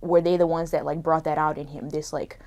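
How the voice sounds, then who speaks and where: Chatty young woman with a lowish voice. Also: flat delivery, brisk, darkish tone. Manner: chatty, lots of "like" fillers. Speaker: podcast co-host reviewing a film. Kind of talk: casual chat.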